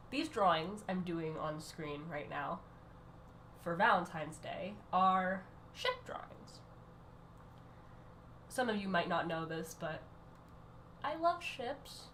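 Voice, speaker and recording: A woman who is sick, giving a casual rambling voice-over that keeps breaking off and restarting in quick bursts. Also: lowish voice, fairly bright tone, slight background noise. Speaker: art channel creator.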